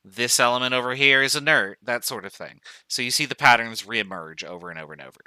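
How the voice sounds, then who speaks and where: Bright, crisp-voiced man lecturing casually. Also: mid-range voice, fast talker, no echo. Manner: casual, joking, thinks aloud with fillers. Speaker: chemistry professor. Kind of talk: online lecture.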